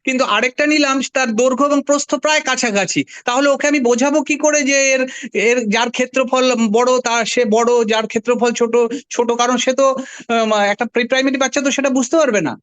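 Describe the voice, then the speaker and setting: Very high-voiced man, echoing call audio. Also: a little fast, fairly bright tone, clear, resonant tone. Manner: hesitant, repeats himself while checking he is heard. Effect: heavy echo on his audio feed. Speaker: participant asking a question. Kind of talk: asking a question in an online training session. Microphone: remote call audio. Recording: echoey, distant call audio.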